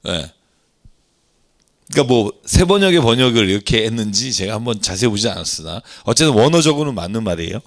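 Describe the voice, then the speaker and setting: Animated Korean pastor teaching scripture. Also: male voice, lowish voice, fast. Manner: animated, acts out God's and people's words in dialogue; asks the audience questions, laughs at himself. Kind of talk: Bible reading lecture.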